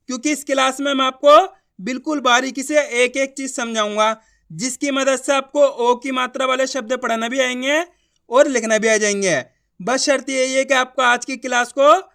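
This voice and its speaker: A young man teaching beginners to read, patient and repetitive, often asking if it is clear and spelling out syllables slowly. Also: very high-pitched, pushed and bright. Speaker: Hindi teacher. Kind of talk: beginner reading lesson.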